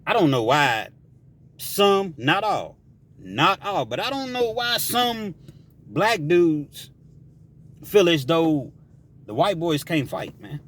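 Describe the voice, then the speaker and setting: Man, storytelling vlog, lively up-and-down delivery, fairly high voice, emphatic. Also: slow, pauses often. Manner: animated, emphatic, sound effects.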